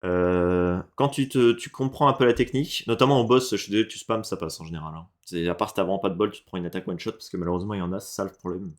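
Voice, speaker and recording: A man from France giving casual reaction commentary on video game levels, swinging between low mutters and excited, swearing outbursts. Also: fast, hardly any pauses. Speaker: reaction streamer.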